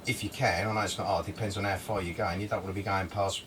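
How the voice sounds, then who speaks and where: A low, slightly bright voice comes fast and steady from this man with a southern English accent. Co-hosting a casual vlog outdoors in the wind, he rambles informally with some hesitation, while the windy mic makes him sound noisy and far off.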